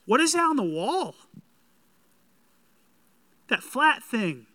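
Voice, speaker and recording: A man's voice: high voice, sing-song, moderate pace, a bit bright, no room sound. A man playing an astonished, curious visitor from ancient times in a sermon skit, full of wide-eyed questions.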